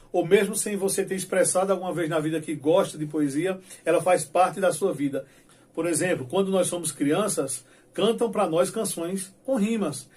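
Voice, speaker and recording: A man from Brazil teaching a poetry video lesson, his voice sitting a little high for a man. He talks in a chatty, playful way and recites verses with a rising, declamatory lift. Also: a little mellow.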